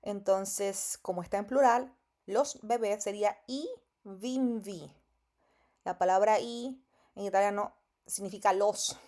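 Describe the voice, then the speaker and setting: A woman's voice: mid-range voice, warm tone. Patient woman teaching Italian verbs. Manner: patient, drawn-out, with many fillers. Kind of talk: explaining grammar to beginners.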